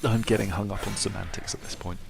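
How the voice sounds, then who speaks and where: Talking fast in a lowish, gravelly voice with a steady tone, a gameplay commentator pokes fun at himself with wry humour as he plays. Soft music plays behind him, and there's faint background noise.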